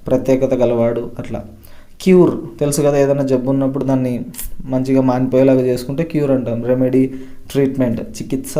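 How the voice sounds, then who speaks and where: Mellow-voiced teacher. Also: male voice, mid-range voice. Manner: steady list-reading, stressing each new word. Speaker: English teacher. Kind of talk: vocabulary lesson explained in Telugu.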